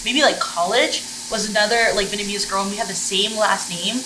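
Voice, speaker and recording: A young American woman from Middleburg, Florida, a social media content creator appearing as a guest, tells personal stories casually and earnestly, dropping "like" into her sentences constantly. Her medium-pitched voice is fairly even and a little fast, recorded in a roomy, noisy space with food sizzling.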